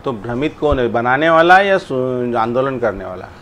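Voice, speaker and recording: A man's voice: mid-range voice, normal speed, fairly bright tone. A man hosting an interview, asking formal, probing questions of his guest. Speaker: interviewer host.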